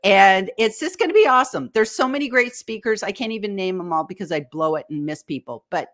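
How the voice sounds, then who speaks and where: American woman, guest coach, chatty storyteller, animated voice. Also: mid-range voice, a little fast. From United States. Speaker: guest, live stream coach. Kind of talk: casual interview chat.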